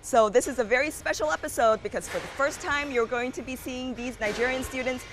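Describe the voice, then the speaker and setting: A woman's voice: sits high, brisk, noisy background. Upbeat young woman presenting. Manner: upbeat, clearly paced presenter delivery. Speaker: host. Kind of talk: scripted TV presenting. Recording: music bed underneath.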